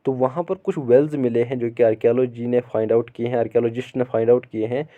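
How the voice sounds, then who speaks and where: Over a narrow, phone-like recording, a man teaches a school history lesson, slowly reading lines from an English textbook and then explaining them at length with many repetitions. His voice is medium-pitched and steady.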